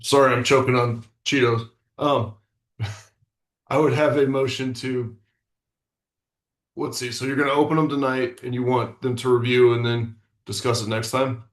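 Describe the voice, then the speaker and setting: A man's voice: medium pitch, fairly even intonation, measured pace. A man advising a town board on procedure in a loose, casual way. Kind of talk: meeting discussion. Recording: roomy echoey room.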